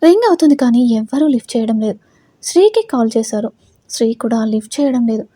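A woman narrating a romance story in a steady storytelling reading. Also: fairly high pitch, a little fast, dry recording.

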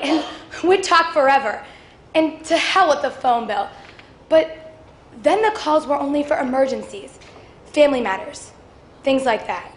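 A woman's voice: high voice, a bit bright, a little hiss or hum. A woman performing a stage monologue as a long-suffering baseball player's wife, talking in a wistful, confiding way. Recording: echoey auditorium, faint ambience.

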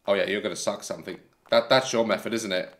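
A gaming YouTuber in his thirties jokes his way through a horror game, yelping and shouting whenever something scares him. His voice is lowish and steady, his pace quick, and he's recorded on a headset mic.

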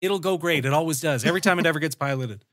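A male podcast co-host with wry, joking remarks. His voice sits on the higher side with a bright, tense edge. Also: racing, no room sound, studio quality. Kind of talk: casual podcast chat.

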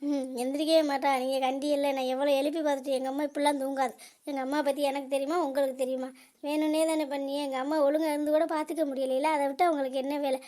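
A woman's voice: sits high, little pitch movement, fast, warm tone, lightly acted. A woman voicing an adult daughter in a cartoon comedy, wailing and accusing her relatives.

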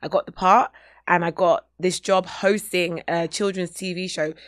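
An English woman in her thirties, a comedian chatting as a podcast guest, telling animated stories and laughing often. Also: lowish voice, moderate pace, no echo, clean studio sound. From England. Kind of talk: casual podcast chat.

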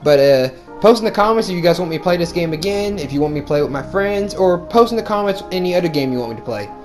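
A young man giving excitable, casual commentary as he plays a game, talking to himself and his viewers. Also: high-pitched, fast, soft background music. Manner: excitable, talks to himself and viewers, shouts when he falls. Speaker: gaming video host.

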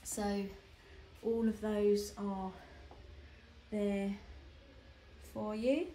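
A woman showing customers around her small shop, chatty and relaxed with plenty of ums. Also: mid-range voice, drawn-out words. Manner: chatty and relaxed, many fillers like um and uh. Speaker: shop owner giving a tour. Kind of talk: casual walk-through shop tour. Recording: echoey shop room with clear background noise.

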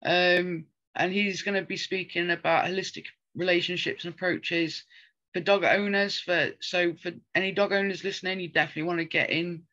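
A woman's voice: fairly low pitch, steady tone, moderate pace, sharp tone, dull audio. A woman co-hosting a casual chat, talking earnestly and rambling with frequent ums. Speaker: podcast co-host.

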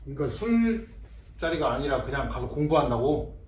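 A man's voice: fairly high pitch, very animated, normal speed, reverberant, distant mic, slight background noise. A young man in a comedy skit, talking bluntly with an irritated, mocking tone.

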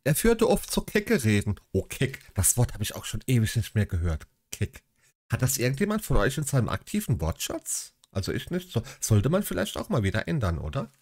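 A man's voice: mid-range voice, huge pitch swings, fairly quick, darkish tone. A man reading a classic detective story aloud, breaking in with mocking asides. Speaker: audiobook reader.

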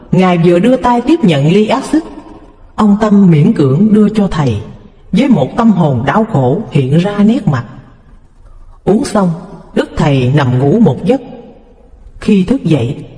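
A man reads a devotional story aloud in a high, very lively voice, dramatic and expressive. His tone is mellow and dark, and the voice rings with a long reverb. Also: unhurried, long pauses. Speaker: narrator. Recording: echoey, reverberant room.

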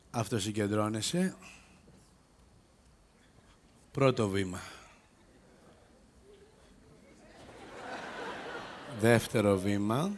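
A man with a natural, medium-pitched voice plays a bossy police self-defence instructor in a live comedy sketch on an open-air theatre stage. As the comic actor leading the sketch, he mocks and scolds his fellow performers.

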